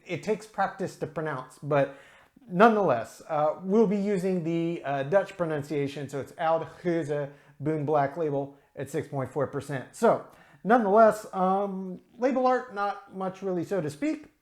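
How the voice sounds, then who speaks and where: A man with a somewhat high voice walks viewers through a beer review in a relaxed, casual way. He explains things carefully and spells out pronunciations, and his talk is full of ums and uhs. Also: a little slow.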